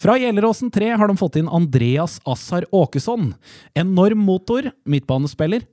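A man reads out local football news as a podcast host. His voice is slightly high and soft-edged, with very lively intonation and playful, dry asides. The sound is close and dry. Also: dry recording. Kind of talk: casual local football chat, reading out transfer news.

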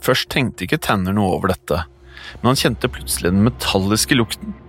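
A man reading a scripted first-person horror story as a podcast narrator, steady and hushed. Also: lowish voice, faint music behind.

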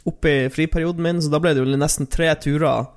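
A man's voice: a little high, fairly even intonation. A man chatting casually and matter-of-factly as a podcast guest. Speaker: podcast co-host, offshore worker. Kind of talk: casual chat.

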